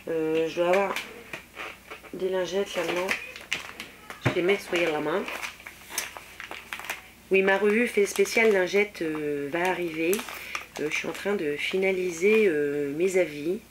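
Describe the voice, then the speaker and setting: A woman's voice: on the low side, measured pace, pauses often, background noise. Chatty woman reviewing makeup. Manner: chatty, many fillers, swatching products on her hand. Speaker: beauty vlogger. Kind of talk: casual makeup haul review.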